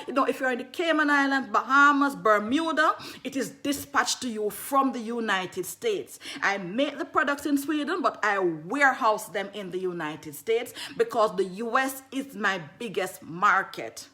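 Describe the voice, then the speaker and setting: A Jamaican woman who is an herbalist sells skincare on a casual livestream, her voice bright and high. Chatty and animated, she often repeats phrases and greets viewers mid-sentence.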